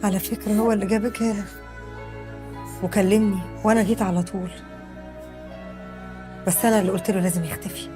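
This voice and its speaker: An actress playing a doctor in an Egyptian comedy film, speaking soothing Egyptian Arabic. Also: female voice, mid-range voice, quick pace, pauses often, faint music behind, natural voice. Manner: soothing, calming.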